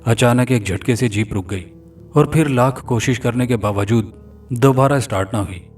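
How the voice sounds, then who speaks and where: Male storyteller, distant mic, soft music. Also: medium pitch, moderate pace. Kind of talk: scripted horror story narration.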